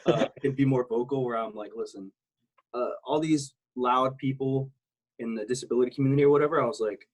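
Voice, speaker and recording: A man's voice: mid-range voice, brisk, poor audio. A man from South Texas talking casually as a podcast guest, candid and rambling, swearing freely. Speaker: guest, military veteran.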